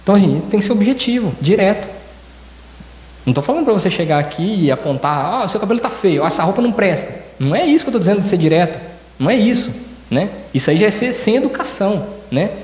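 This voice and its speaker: A man's voice: high voice, big pitch swings, quick pace, darkish tone. A man with a Brazilian Portuguese accent preaching a sermon as a church elder. He speaks emphatically, repeats his key phrases and acts out quoted dialogue. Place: church hall. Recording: echoey church hall with long reverb.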